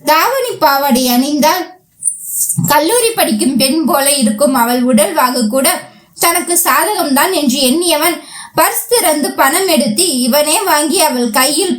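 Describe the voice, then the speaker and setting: A woman narrating a novel as an audiobook, voicing the characters' dialogue in a lively way. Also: high-pitched. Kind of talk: storytelling narration with voiced dialogue. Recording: roomy echo.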